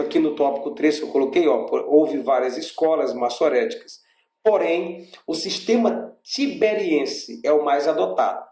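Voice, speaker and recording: A man's voice: a little high, darkish tone, reverberant. A man with a Brazilian Portuguese accent teaching an online class on biblical Hebrew, explaining step by step and checking in with his students. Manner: explanatory, checks in with frequent "tá?" and "gente". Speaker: Bible language teacher. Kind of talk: online lecture with slides.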